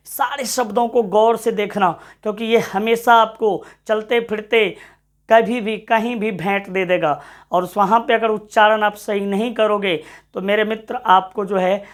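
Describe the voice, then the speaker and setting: Male English teacher, online lecture, repetitive drilling, pep-talking students. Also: high voice. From Bihar, India. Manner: drills words by repeating them, urges students on; addresses students as friends, gives pep talks.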